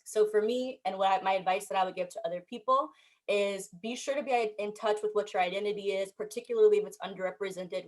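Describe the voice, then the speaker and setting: Animated young American woman panelist. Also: mid-range voice. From United States. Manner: animated, emphatic storytelling. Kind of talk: panel discussion.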